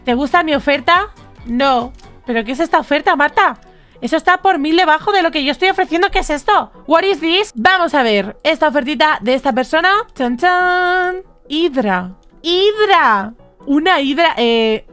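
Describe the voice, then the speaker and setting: High-voiced woman doing gameplay commentary. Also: brisk, faint music behind. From Spain. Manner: animated and expressive, reacting aloud to trade offers. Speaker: gaming YouTuber.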